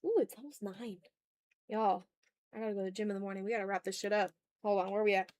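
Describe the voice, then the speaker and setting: Drawing live for her viewers, an art streamer talks informally and mutters to herself along the way. She speaks quickly in a steady, mid-range voice with a darkish tone, and the recording is dry.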